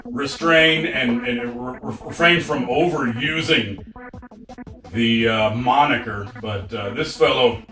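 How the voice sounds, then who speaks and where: Guy riffing on movies, bright sharp voice, kinda far from the mic in an echoey room. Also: mid-range voice, slow pace. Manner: rambling, wry, profane. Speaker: podcast co-host reviewing movies. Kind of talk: casual chat. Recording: roomy sound from a distance, faint music.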